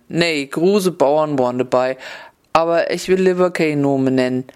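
A man tells a village folk tale in a broad Upper Hessian dialect. His voice sits a little high and sounds smooth and resonant. He reads with lively turns, lifting his pitch for shouted quotes. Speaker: storyteller.

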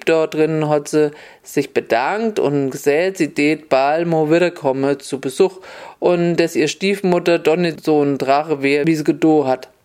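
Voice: mid-range voice, a little mellow. A storyteller with a reading a fairy tale in a homely, wry manner.

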